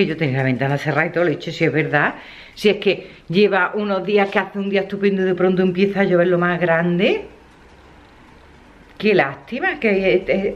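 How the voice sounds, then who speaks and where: A woman's voice: lowish voice, highs cut off. A woman, chatting casually in her vlog, laughing often and acting out what others said. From Spain. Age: 50s. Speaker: vlogger.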